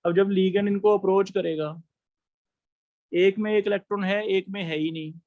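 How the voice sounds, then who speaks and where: High-voiced male chemistry teacher. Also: fairly even intonation, moderate pace, no echo, phone-quality sound. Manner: explains step by step, asks students questions. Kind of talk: classroom lecture.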